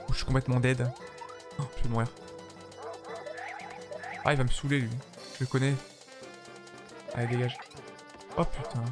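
A tired man chatting casually with his viewers while streaming a game, joking and swearing freely. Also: medium pitch. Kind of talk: casual live-stream commentary while playing.

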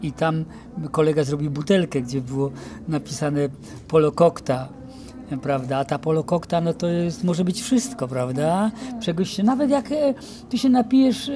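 A man in his sixties, an actor, being interviewed in an outdoor courtyard into a handheld mic, reminiscing with many pauses and fillers. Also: sits high, mellow. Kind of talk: casual interview. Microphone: handheld mic held by interviewer.

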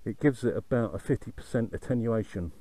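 A motorcycle vlogger talks briskly in a lowish voice while riding, speaking into a foam-covered mic tucked in his helmet's cheek pad, much like a helmet intercom. There's no room sound, but loud wind, engine and road noise fill the recording.

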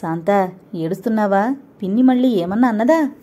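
A tender young husband who speaks kindly and softly to his wife, as a woman narrator voices him. The tone is warm and mellow. It is an everyday storybook voice. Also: medium pitch, normal speed, natural voice. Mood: gentle. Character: gentle, affectionate young husband.

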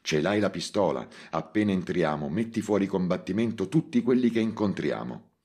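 A man's voice: low voice, animated, normal speed, darkish tone, husky. A man voicing a brusque, urgent middle-aged police inspector.

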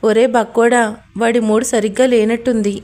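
Bossy young guy nagging his pal, woman doing the voice, higher pitched. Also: little pitch movement, normal speed, darkish tone, natural voice. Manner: scolding, nagging. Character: bossy young male friend, scolding and teasing.

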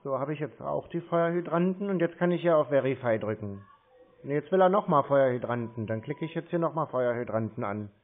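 A man's voice: medium pitch, a little fast. A man in a casual phone conversation, agreeable and rambling, talking through his steps as he goes. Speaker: call recipient stringing along the caller. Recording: thin tinny phone line.

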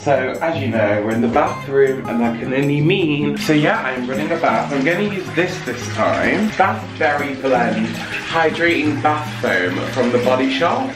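Lively young man vlogging at home. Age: young adult. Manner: chatty, expressive and playful, swings up high for emphasis. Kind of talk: casual vlog chat. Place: bedroom and bathroom at home. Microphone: handheld camera close up with small clip mic.

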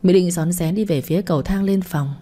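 Low, mellow woman storyteller. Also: brisk. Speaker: narrator. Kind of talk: audiobook narration.

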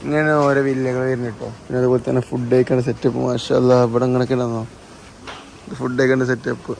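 A man's voice: medium pitch, flat delivery, fast talker, creaky, a little mellow. A man with a Malabar Malayalam accent chats casually as a travel vlogger, mixing in English words and repeating exclamatory slang. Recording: noisy handheld vlog with background ambience.

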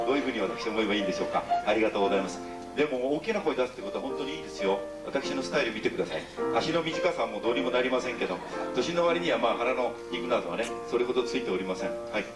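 On a ship's stage, a middle-aged man with a mid-range voice leads the audience in a sing-along, joking, teasing the crowd, and being exaggeratedly polite. It's live banter with call-and-response singing in a concert hall full of people. The recording sounds roomy and distant, with instrumental music playing.

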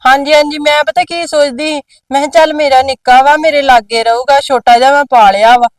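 A woman's voice: sits high, steady tone, brisk, dry recording, recorded from a distance, close to an everyday voice. A woman playing a domineering, scheming mother in a drama who scolds her elderly mother sharply, recorded dry and a little away from the mic. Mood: sweet-talking. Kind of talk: amateur drama acting.

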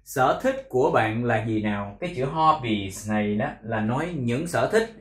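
A man with a Vietnamese accent teaching English pronunciation, repeating words slowly and explaining in Vietnamese. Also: mid-range voice, animated, a bit bright, roomy sound. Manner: slow drilled repetition of English words. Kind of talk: pronunciation lesson.

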